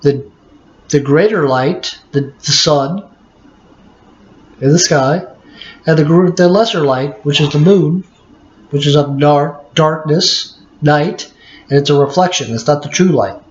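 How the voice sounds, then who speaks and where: An older man reads scripture like a grandpa, in a slightly high voice. He pauses for folksy, teacherly comments and repeats key words. The recording is echoey and somewhat dull, as if lo-fi. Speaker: grandfather reading scripture aloud. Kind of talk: Bible reading with plain-spoken commentary. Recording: echoey room, dull lo-fi sound.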